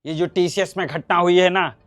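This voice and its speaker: An actor playing a hardline cleric father who rants and schemes, with forceful preachy delivery. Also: sits high, steady tone, a little fast. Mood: scheming. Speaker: actor in a short drama. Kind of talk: Hindi short-film acting.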